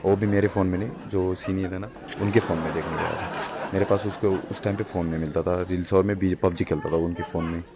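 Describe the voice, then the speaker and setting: A man's voice: low-pitched, steady tone, a little fast, crowd noise. Rambling teenage guy doing stand-up. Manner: rambling, self-correcting, chuckles through lines. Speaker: stand-up comedian. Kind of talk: first-time stand-up storytelling. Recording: noisy live room with audience.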